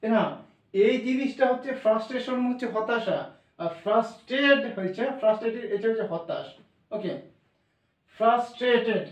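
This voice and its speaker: A man's voice: very high-pitched, normal speed, recorded from a distance. A male teacher explaining English pronunciation, spelling words out and repeating each sound letter by letter. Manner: repetitive, drills sounds letter by letter. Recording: echoey room, voice from off the mic.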